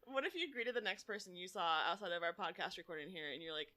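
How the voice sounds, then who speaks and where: A woman's voice: lowish voice, expressive, fast talker, bright, forceful tone. A young adult woman co-hosting a podcast, rambling and giggly, laughing often as she talks. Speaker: podcast co-host. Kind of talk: casual chat.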